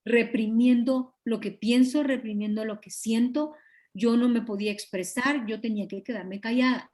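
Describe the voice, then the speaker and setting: A woman, a pastor's wife, teaching a Bible study over a video call with a Guatemalan Spanish accent, earnest and confiding, often clearing her throat. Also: fairly high pitch, steady tone, normal speed, a little mellow. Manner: earnest, confiding, acts out quoted dialogue.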